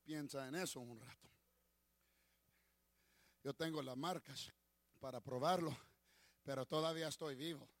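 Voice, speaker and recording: A male preacher delivering a sermon, swinging from quiet asides to shouted declarations and slipping into English phrases. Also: mid-range voice, unhurried, long pauses, no room sound. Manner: dramatic, slips into English phrases.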